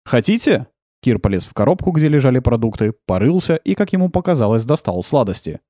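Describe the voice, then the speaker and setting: Mellow guy reading a sci-fi audiobook, lively pitch, dry close mic. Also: fast talker, no room sound. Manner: calm, even storytelling, brightening for dialogue. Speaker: narrator. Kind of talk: audiobook narration.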